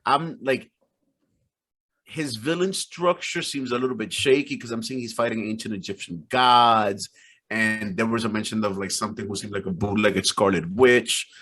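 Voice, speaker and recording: Slangy animated man on a video call. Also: lowish voice. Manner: animated slangy talk, exclamations. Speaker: podcast co-host. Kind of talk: casual chat over a video call.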